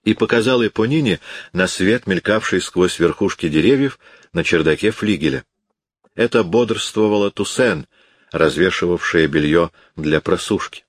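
A man narrating a classic novel in a steady, measured reading voice. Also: sits low, no room sound. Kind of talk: audiobook reading.

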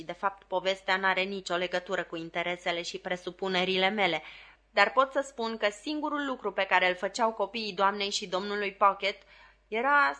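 A woman reading a classic novel aloud as an audiobook, with clear and expressive storytelling. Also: medium pitch. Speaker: audiobook reader.

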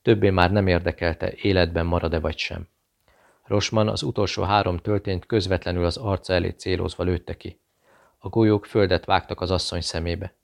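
Deep, gravelly male audiobook narrator. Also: fairly even intonation. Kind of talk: audiobook reading.

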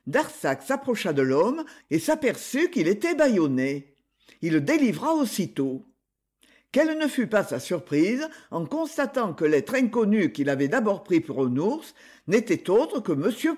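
A man narrates an adventure novel with dramatic, animated delivery. His voice sits fairly high and moves through a wide, lively pitch range. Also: a little slow, husky. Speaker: audiobook narrator. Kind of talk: expressive audiobook narration.

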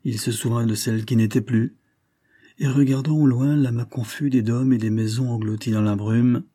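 A man reading a classic novel aloud in steady, measured narration. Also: mid-range voice. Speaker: audiobook narrator.

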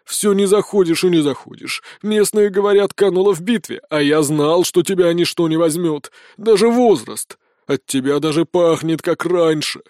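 A man voicing a proud, boisterous male dwarf miner who talks in a loud, folksy way. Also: a little high, normal speed, hardly any pauses, no echo, studio quality, lightly acted. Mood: hearty.

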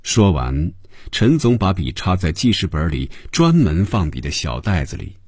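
A man narrating a story in a lively, expressive storytelling manner. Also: low voice, normal speed, husky, dry recording, studio quality. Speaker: audiobook narrator.

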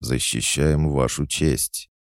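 A man voicing a burly, blunt young brawler who talks slowly and blusters, in an audiobook. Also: a bass voice, expressive, dry recording, clean studio sound, pitched above the performer's own voice, full character voice. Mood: confused.

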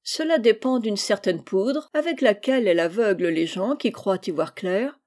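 A woman voicing a frank, gruff but kindly old man in a storybook reading, blunt and stern. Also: medium pitch, animated, normal speed, a little mellow, natural voice. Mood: teasing.

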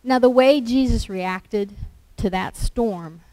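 Slow, conversational woman preaching a sermon. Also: fairly high pitch, warm tone, dry recording, rough recording. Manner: slow, conversational storytelling with acted-out quotes.

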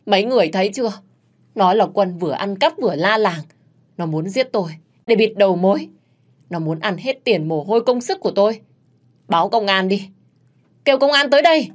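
A woman's voice: animated, fairly quick, a little mellow, close to an everyday voice. A woman voicing a spiteful young female servant who shrieks her accusations. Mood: shrieking. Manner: shrill and accusing.

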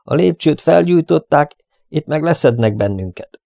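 Excitable young cowboy sidekick, voiced by a man, high and loud in his exclamations. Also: creaky, no room sound, studio quality. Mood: alarmed.

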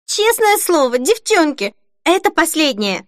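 A woman reading an audiobook voices an excitable young bride-to-be who squeals and gushes. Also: high voice, normal speed, dry recording, studio quality, pitched above the performer's own voice. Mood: excited. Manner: gushing, breathless exclamations.

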